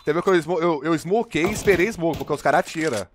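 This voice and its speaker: A Brazilian man with a Brazilian Portuguese accent calls out a live match. He talks at a rapid clip in a slightly high voice and coaches his viewers as a crew, full of slang and energy. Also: noisy background. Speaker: game streamer. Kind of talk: live gameplay commentary and coaching.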